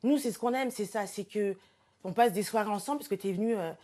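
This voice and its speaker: Talking fast in a mellow, medium-pitched voice, this show regular performs a scripted comic tribute monologue for a guest. She presents portraits there, and her manner is playful, theatrical and self-deprecating.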